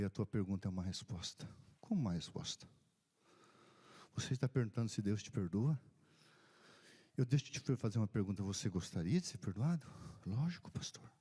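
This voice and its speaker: Husky low-voiced preacher telling a story. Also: male voice, warm tone. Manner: retells dialogue, drops to whispers and rises in bursts. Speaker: pastor. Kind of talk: sermon storytelling.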